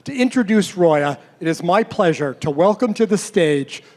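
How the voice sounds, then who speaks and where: A man's voice: sits high, lively intonation, normal speed, darkish tone. Man reading a formal gala script. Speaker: host and narrator. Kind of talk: scripted gala speech and narration.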